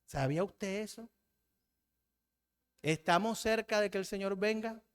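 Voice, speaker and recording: A man's voice: high-pitched, measured pace, smooth, in a large hall. A Colombian man preaching a sermon in a church, asking the congregation questions and having them call back the answers.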